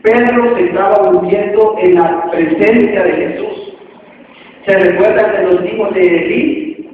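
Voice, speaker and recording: A man's voice: high voice, unhurried, a little hiss or hum. A man preaching a sermon in a large church hall, emphatic with a sing-song cadence, on a tinny, echoey recording taken from far off.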